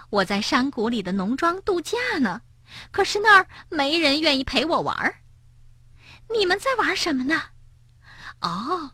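女声扮演的尖声尖气的小猪苏琪. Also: female voice, bright, forceful tone, no room sound, heavily acted. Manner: squeaky, quick, teasing. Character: shrill, pushy, mocking young male piglet.

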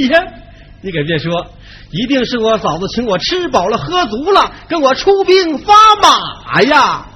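A man's voice: very high-pitched, sing-song, a little slow, bright, forceful tone, big-room sound, slight background noise, exaggerated voice, rough recording. Man playing a wailing comic general, twang. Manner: boisterous, wailing, joking. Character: blustering comic male general, sobbing for help. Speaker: errenzhuan comic performer. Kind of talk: folk stage comic opera.

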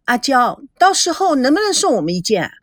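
Woman playing a vain, teasing teen girl, high-pitched, storybook voice. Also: sing-song, fairly quick, no room sound, clean studio sound. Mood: preening. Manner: preening, teasing. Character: vain slim teenage girl who wants to model.

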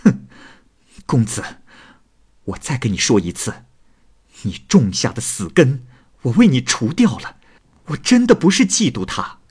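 A man voicing a devoted fox spirit woman who scolds in a soft, hushed way. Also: fairly low pitch, animated, measured pace, pauses often, slightly rough, full character voice. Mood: weary scolding.

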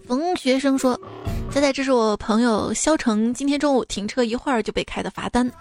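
A woman's voice: fairly high pitch, fairly quick. A woman hosting casually, reading out listener comments with informal, playful asides. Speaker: host of a comic listener-stories show. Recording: music playing behind the voice. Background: music.

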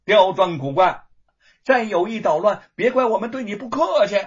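A male storyteller voicing a rude, bullying gatekeeper servant who barks orders at an intruder in a husky voice. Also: on the high side, sing-song, normal speed, pitched above the performer's own voice. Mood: blustering. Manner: gruff, bullying shouts. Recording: dull lo-fi recording.

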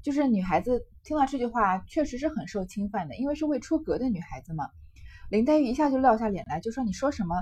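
A woman's voice: on the high side, big pitch swings, fast talker, a little mellow, breathy edge. A woman retelling and explaining a classic novel in a chatty way, with many fillers. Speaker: literature explainer. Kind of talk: storytelling commentary.

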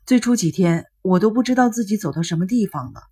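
A woman voicing a troubled, remorseful young man on the phone in a storybook reading, speaking flatly and quietly. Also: medium pitch, quick pace, slightly rough. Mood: subdued. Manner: flat, subdued speech.

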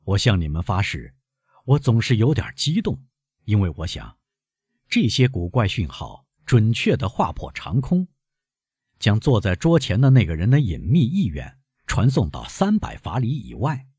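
A man voicing a suave, mysterious nobleman who speaks in a measured, courtly way, in an audiobook of a classic novel. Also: on the low side, huge pitch swings, darkish tone, slightly rough, no room sound, studio quality, voice pushed up, exaggerated voice.

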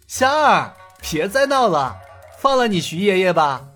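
A man voicing a gentle young male swordsman hero who speaks lightly and soothingly. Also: high-pitched, big pitch swings, unhurried, faint music behind, pitched above the performer's own voice, full character voice. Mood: amused.

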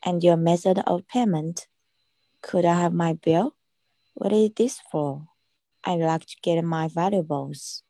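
A woman's voice: on the low side, unhurried, dark tone, no room sound. A woman student on a video call reading English practice sentences, carefully repeating words to fix her pronunciation. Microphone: computer mic on a video call.

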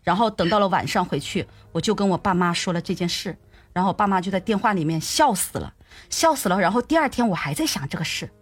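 A young woman telling a personal story in a lively, chatty way, repeating words and asking her listeners questions. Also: mid-range voice, quick pace, breathy edge. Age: young adult. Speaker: storyteller addressing her audience.

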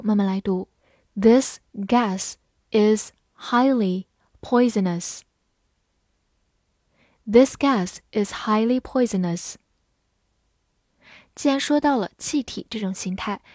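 A woman teaching English vocabulary in a patient lesson, spelling words out letter by letter and reading example sentences slowly for learners. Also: medium pitch, a little mellow, no room sound, clean studio sound. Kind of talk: vocabulary lesson, explaining in Chinese.

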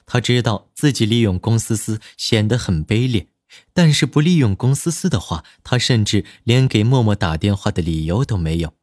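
A man narrating a romance audiobook in an expressive, storytelling manner at a close studio mic. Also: on the low side, normal speed, dry recording. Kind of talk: scripted dramatic narration.

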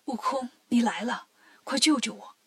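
A woman voicing a timid, fretful male monk in a storybook reading, speaking softly and with a whimper. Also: a little high, normal speed, husky. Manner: soft, whimpering.

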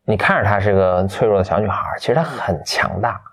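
A wise, kindly old woman from a storybook speaks reflectively, a little resigned, as a man retelling the tale quotes her. The voice stays low and close to his ordinary speech. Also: lively intonation, brisk, a bit bright.

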